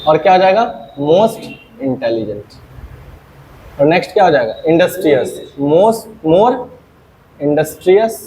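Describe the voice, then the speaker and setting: A man teaching English grammar in a classroom lesson. He often asks a question, answers it himself in a lower voice, and checks whether the class has understood. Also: very animated, slow pace, long pauses, warm tone, slight background noise. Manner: asks questions then answers them himself, dropping low on the answers.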